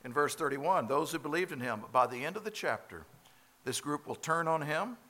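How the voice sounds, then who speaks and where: A man preaching a sermon, growing emphatic and loud on key phrases and slowing down to read scripture. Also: a little high, animated. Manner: slows down for quoted scripture.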